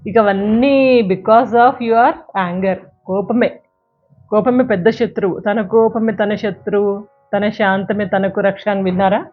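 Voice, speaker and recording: A woman's voice: mid-range voice, steady tone, slow. A woman giving a motivational talk that counsels listeners directly and uses everyday examples. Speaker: self-help speaker. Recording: tinny phone-like sound, faint music.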